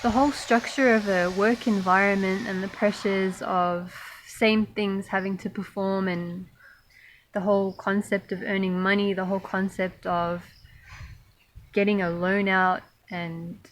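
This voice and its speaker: A woman raised in Australia, a spiritual monastic vlogger, speaks reflectively to camera about her spiritual path. Her voice is lowish and her delivery slow and thoughtful, with frequent pauses and fillers, and the recording is rough.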